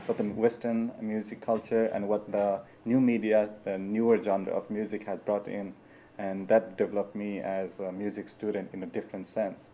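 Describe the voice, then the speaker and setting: A man's voice: fairly low pitch, flat delivery, normal speed, mellow. A young man from Nepal hosting an interview, talking hesitantly with many fillers. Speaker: host. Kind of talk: conversational interview.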